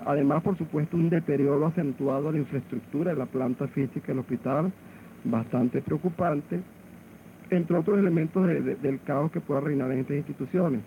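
A man with a Venezuelan accent, a hospital director interviewed on AM radio, halting and repeating words as he searches for them. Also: on the high side. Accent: Venezuelan Spanish. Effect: AM radio broadcast sound. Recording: muffled AM radio with faint hiss.

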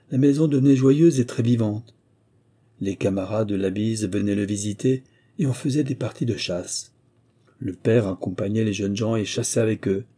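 A man reading a nineteenth-century short story aloud in a measured storytelling manner. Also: on the low side, mellow, breathy edge. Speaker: audiobook reader. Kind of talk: scripted literary narration.

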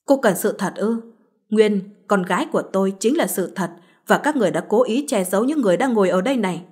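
A woman voicing a wealthy middle-aged mother who speaks coldly and reproachfully, in a husky voice. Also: medium pitch, animated, quick pace, a little mellow. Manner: cold, reproachful.

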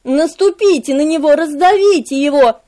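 A woman's voice: sits high, moderate pace, dark tone, natural voice. A woman doing frantic undead male servants.

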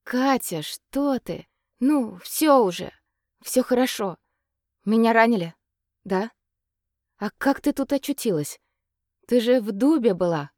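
A woman voicing a young male prince who speaks softly and sounds bewildered, in a dry, close storybook reading. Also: on the high side, animated, dry recording, voice pushed up. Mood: soothing. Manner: bewildered, soft, halting. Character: young man, a prince, dazed and gentle.

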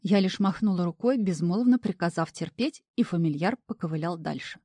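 A woman narrating a fantasy story in the first person, animated and playful. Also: on the low side, a little fast, no echo. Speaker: audiobook narrator.

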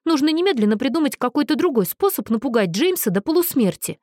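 A woman's voice: high voice, very animated, fast, darkish tone, no echo, voice pushed up. A woman reading an audiobook, voicing a pedantic young man with a dry, matter-of-fact manner. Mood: offended, reasoning. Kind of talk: audiobook character voice.

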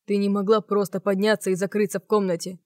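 A woman reading the part of a domineering, hot-tempered young man, shouting and commanding in an audiobook. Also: medium pitch, flat delivery, quick pace, dry recording, studio quality, close to an everyday voice. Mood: angry shouting.

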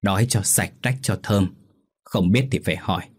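Scolding old ghost father done by a male narrator, low husky voice, storybook reading. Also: normal speed. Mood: stern scolding. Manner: scolding, threatening.

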